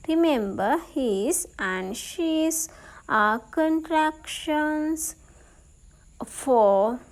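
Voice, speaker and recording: A woman teaching a beginner English lesson, speaking slowly and clearly and asking learners to repeat after her. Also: high voice. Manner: slow, clearly enunciated, asks students to repeat.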